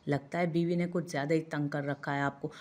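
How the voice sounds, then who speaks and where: A woman's voice: low voice, flat delivery, brisk, darkish tone, natural voice. A woman voicing a playful younger brother who teases his sibling. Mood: teasing. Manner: teasing.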